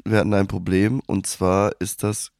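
A young man co-hosting a podcast, telling a story in casual slangy chat and acting out the quotes with big jumps in pitch. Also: little pitch movement, moderate pace, vocal fry, a little mellow, no echo, clean studio sound. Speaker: podcast co-host.

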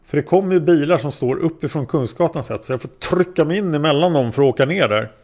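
A man's voice: a little high, a little mellow, voice pushed up, lightly acted. A man voicing a male taxi driver testifying as a witness, answering in a plain, hesitant way. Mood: calm.

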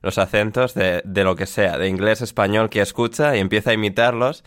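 Smooth low-voiced male podcast host. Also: a little fast, dry recording. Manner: relaxed, dry humor, reads listener questions. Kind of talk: casual podcast chat.

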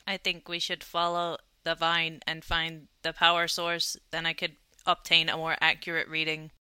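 A tabletop player voicing a wry, deadpan robot adventurer. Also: mid-range voice, normal speed, clean tone, no room sound. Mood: matter-of-fact.

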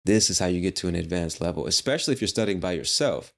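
A man's voice: low-pitched, animated, fast talker, gravelly, a bit bright. A man hosting a casual solo podcast, talking in a rambling, playful way with the odd swear word. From United States. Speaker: podcast host.

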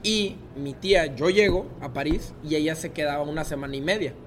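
Lively young Mexican man telling a story. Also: on the high side, fairly quick, a little hiss or hum. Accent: Mexican Spanish. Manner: lively storyteller who acts out other people's lines. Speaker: guest. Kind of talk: casual storytelling interview.

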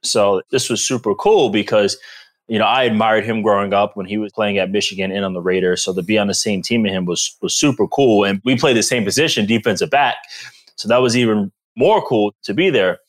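A man's voice: fairly low pitch, a little fast. A man in his thirties from the East Coast of the US, a guest telling stories in a casual chat and laughing often. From Rhode Island, US East Coast. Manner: animated storyteller who laughs often. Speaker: guest, former pro football player.

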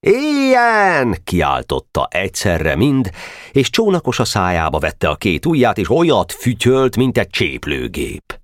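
Expressive low-voiced male audiobook reader. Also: no room sound, clean studio sound. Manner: expressive storytelling with wide pitch swings. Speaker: audiobook narrator. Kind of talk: novel reading.

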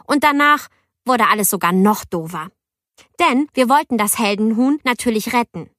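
In an audiobook, a woman with a slightly high voice plays an indignant ten-year-old girl recounting her own misadventures at a normal pace, sounding lively, exasperated and youthful. The first-person narration is studio quality with no echo.

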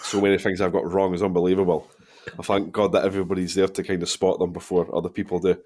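A man's voice: low-pitched, flat delivery, a little mellow, slight background noise. A Scottish man in his thirties hosting a casual football podcast, bantering and reading out listener questions. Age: 30s. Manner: bantering, quick laugh, reads listener questions. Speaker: podcast host.

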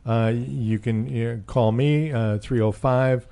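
A man's voice: mid-range voice, fairly even intonation, slow pace, vocal fry, dark tone, clear, resonant tone. A man hosting a casual talk radio program. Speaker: radio show host.

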